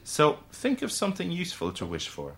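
Storybook role: man voicing a little leprechaun, theatrical and impatient, animated and crisp. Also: a little high, moderate pace, heavily acted. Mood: exasperated. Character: small exasperated male leprechaun, theatrical. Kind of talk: audiobook character voice.

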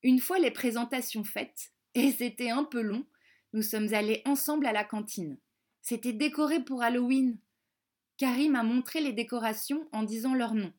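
A woman reading a children's storybook aloud, slow and careful, repeating words for young learners. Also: a little high, darkish tone. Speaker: audiobook reader.

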